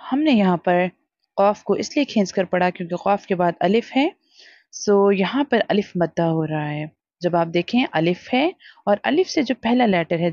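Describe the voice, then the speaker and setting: A woman teaching Quran reading in a recorded online lesson. She draws out each letter sound slowly, then explains quickly, slipping into English now and then. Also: on the low side, darkish tone, no room sound. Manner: slow, drawn-out letter recitation between brisk explanations, mixing English. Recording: dull lo-fi dry recording.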